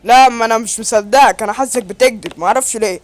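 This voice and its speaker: A woman with an Egyptian Arabic accent running a playful game role-play, talking in an animated, teasing way. Her voice sits high for a woman. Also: quick pace.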